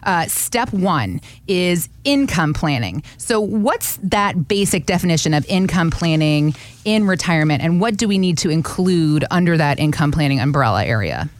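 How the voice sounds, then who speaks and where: A woman hosting an interview about financial planning, upbeat and quick to laugh. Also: low voice, big pitch swings. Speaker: host.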